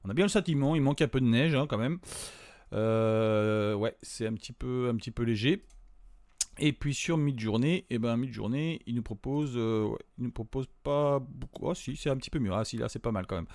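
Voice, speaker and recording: A man's voice: mid-range voice, normal speed, darkish tone, no room sound. A man giving a casual screen-recorded tutorial, talking to viewers in a chatty, hesitant way. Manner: hesitant, many fillers and restarts; chatty, addresses viewers directly. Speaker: tutorial presenter.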